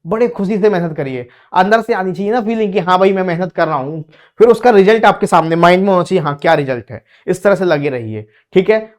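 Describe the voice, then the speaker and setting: Male exam-coaching teacher, high voice, repetitive coaxing delivery. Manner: repetitive, coaxing, calls listeners beta. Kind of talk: motivational exam-prep lesson.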